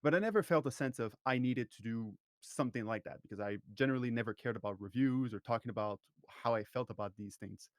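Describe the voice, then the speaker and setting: A man's voice: medium pitch, fast talker, few pauses, no room sound, clean studio sound. A man guest on a podcast, talking thoughtfully and at length, often restarting his sentences. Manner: long-winded, thoughtful, frequent restarts. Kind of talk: casual podcast conversation.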